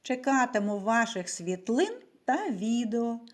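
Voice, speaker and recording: A woman's voice: fairly high pitch, animated, a little slow. A woman teacher leading a reading lesson for small children, asking questions and answering them in a patient, sing-song way. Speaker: primary school teacher. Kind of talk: slow, clear lesson for young children.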